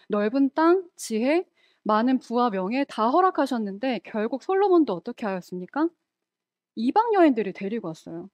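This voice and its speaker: Lively female preacher with a dull, dry sound. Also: sits high, no echo. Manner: conversational, asks the congregation questions. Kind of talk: sermon.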